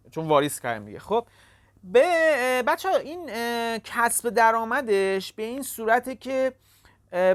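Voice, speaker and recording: Tutorial host, casual and halting, mid-pitched, dry close sound, calls viewers kids and friends. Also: no echo. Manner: talks step by step, halting with frequent "uh" fillers. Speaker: crypto tutorial channel host. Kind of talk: casual screen-recorded walkthrough.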